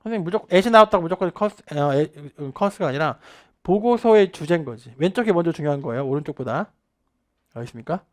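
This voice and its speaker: A man in his thirties teaching in an online test-prep lecture, energetic and drilling phrases for repetition while swinging his pitch and loudness for emphasis. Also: a little fast. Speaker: English teacher.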